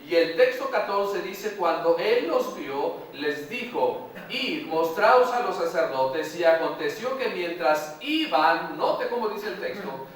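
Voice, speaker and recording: A male pastor from Mexico preaching a sermon slowly and emphatically, repeating phrases and putting questions to the congregation. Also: high voice, animated, a little hiss or hum. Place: large church hall. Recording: echoey hall, voice from far off.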